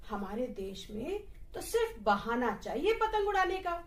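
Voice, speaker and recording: A woman teacher speaking slowly to small children, asking them questions and answering for them. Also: sits high, reverberant, distant mic. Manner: warm storytelling to small children, questions then answers herself. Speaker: primary school teacher. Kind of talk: children's lesson presentation.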